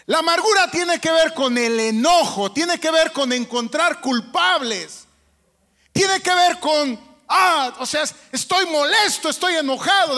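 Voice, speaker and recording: A man's voice: extremely high pitch, pushed and bright. A man preaching a sermon as pastor, asking the congregation questions with strong emphasis. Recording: long hall reverb.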